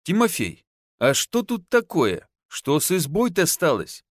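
Shrill tearful peasant wife, voiced by a man, high and wailing, lively swoops, storybook reading. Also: measured pace, no echo, studio quality. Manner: wailing, scolding.

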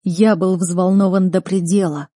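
A woman reading a first-person fantasy audiobook in a tense, measured manner. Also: on the low side, steady tone, dark tone, dry recording, studio quality. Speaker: audiobook reader.

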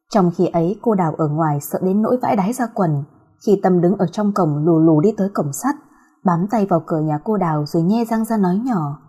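A woman reading a horror story aloud in a steady, suspenseful storytelling voice. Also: lowish voice, husky. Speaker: narrator. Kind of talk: scripted horror story narration.

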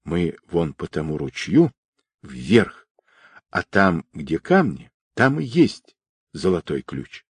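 A man voicing a scheming, tough woman hunting for gold, speaking in an urgent, persuasive hush. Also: deep voice, very animated, takes it slowly, slightly rough, dry recording, studio quality, full character voice.

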